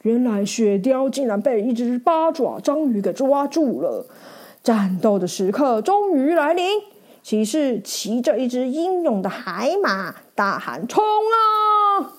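A woman storyteller reading a picture book aloud in an animated, expressive way. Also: fairly high pitch, a little slow.

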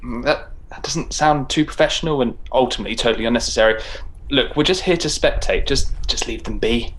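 A man's voice: medium pitch, a little fast, fairly bright tone, lightly acted, rough recording. An actor playing an exasperated, sensible male adventurer who keeps scolding his companion. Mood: disapproving. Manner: flustered, scolding. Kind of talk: comedy audio drama.

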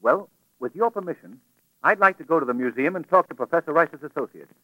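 A suave gentleman sleuth in a vintage radio play. He talks quickly with a lively, swooping pitch. His speech is polished and articulate, caught on an old, dry recording. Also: no echo, rough recording. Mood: earnest, probing. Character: suave, steady amateur detective and man about town. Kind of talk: 1940s radio drama acting.

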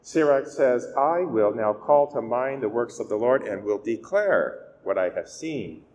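A man speaking as a priest giving a scripture reading and homily, measured and deliberate with emphatic key words, his voice echoing as in a cathedral. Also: mid-range voice, lively intonation, a little mellow. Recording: echoey church reverb, clear background noise.

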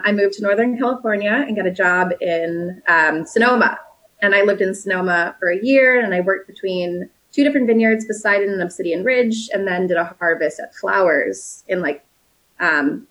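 A woman's voice: mid-range voice, a bit bright, rough recording. A woman in her late twenties, originally from South Africa, chatting casually and upbeat as an interview guest, with lots of fillers and easy laughs.

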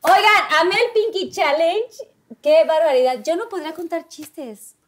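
Woman, Mexican accent, show host, high voice, bubbly, exclaiming. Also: normal speed, faint music behind. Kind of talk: casual chat.

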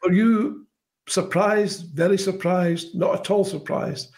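A man's voice: high voice, steady tone, slow pace, darkish tone. A man, hosting an informal interview in a conversational style. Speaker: interview show host.

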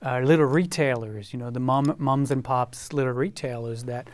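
On a discussion panel, a guest from France talks in a hesitant way, repeating words and leaning on fillers, with his French accent clear. The mid-range voice is recorded without any room sound.

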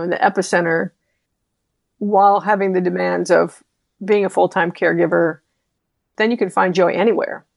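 Gravelly, dry-voiced woman interviewer. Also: on the low side, no echo. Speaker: interviewer, caregiver advocate. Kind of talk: encouraging interview talk.

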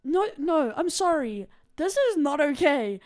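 A young woman co-hosting a casual true crime podcast, playful and quick with jokes and reactions. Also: high-pitched, very animated, darkish tone. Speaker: podcast co-host.

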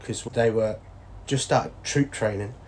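A man's voice: lowish voice, measured pace, a little mellow. A man, a former soldier chatting as an interview guest, laughing often and acting out the voices of people in his stories. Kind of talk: casual interview storytelling.

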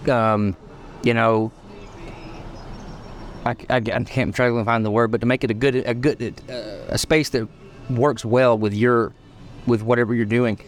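A man's voice: mid-range voice, fairly even intonation, fairly quick, faint music behind. A man hosting a casual podcast chat on a bakery patio, rambling and restarting as he searches for words. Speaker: podcast host.

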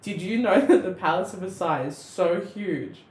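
A woman's voice: lowish voice, normal speed. A young woman with a broad Australian accent, chatting casually and bluntly on a comedy podcast, swearing freely as she tells stories. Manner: sweary, blunt, animated storytelling. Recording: roomy, echoey sound.

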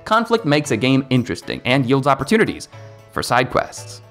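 A man who is a guest video creator, reading a scripted segment with lively, expressive delivery. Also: medium pitch, brisk. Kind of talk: scripted narration. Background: faint background music.

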